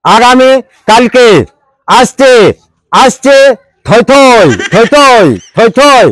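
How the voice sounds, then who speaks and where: An actor playing an excitable village announcer, hawking a song concert in repetitive sing-song chants in a comedy sketch. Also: male voice, extremely high pitch, extremely slow, dry recording, full character voice. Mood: excited chanting. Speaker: event announcer. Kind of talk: loud chanted street publicity announcement.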